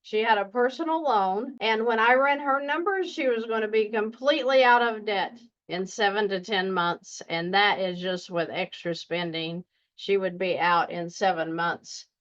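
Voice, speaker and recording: A woman with a deep Southern US accent coaching viewers in a casual, folksy, earnest and urging way. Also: normal speed, fairly bright tone, muffled recording. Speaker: personal finance coach and video host.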